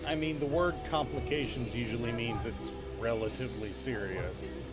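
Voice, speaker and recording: A man's voice: medium pitch, normal speed. Male game streamer, average register, casual and repetitive as he reasons aloud, music playing behind him. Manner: thinking aloud, repeating phrases. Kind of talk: casual gaming stream chat.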